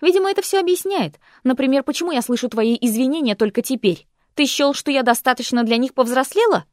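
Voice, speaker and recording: A woman voicing a tense young woman lashing out at her ex, sharp and indignant, her voice rising. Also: mid-range voice, very animated, normal speed, no echo, studio quality, natural voice. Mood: bitter.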